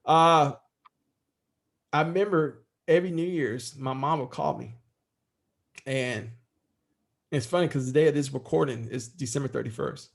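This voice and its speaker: A man's voice: mid-range voice, moderate pace, gravelly, long pauses. A middle-aged man speaking as a podcast guest in candid interview talk, heartfelt and freely swearing.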